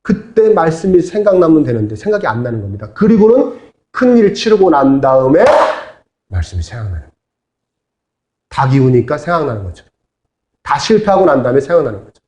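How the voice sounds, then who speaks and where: A man's voice: fairly high pitch, big pitch swings, brisk, pauses often, mellow, dull audio. A man preaching as pastor to his congregation, asking them to repeat after him and answer back. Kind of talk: sermon. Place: church sanctuary. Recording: echoey church hall.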